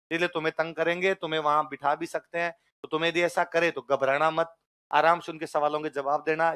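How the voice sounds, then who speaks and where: High-voiced Rajasthani male teacher. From Jodhpur, Rajasthan. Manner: animated storyteller acting out quoted voices. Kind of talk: storytelling anecdote in a lecture.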